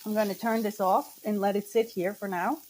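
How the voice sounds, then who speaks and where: A woman's voice: medium pitch, steady tone, a little fast, noisy background. A woman from central Switzerland chatting in a rambling, self-correcting way while she cooks in her home kitchen. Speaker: cooking vlogger. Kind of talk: casual chat while cooking.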